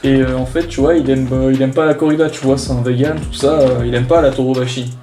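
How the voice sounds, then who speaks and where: A young man telling deadpan jokes in a casual, rambling way, repeating himself with filler tags. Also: mid-range voice, quick pace. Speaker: contestant in a joke-telling challenge. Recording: roomy echo, music behind. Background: music.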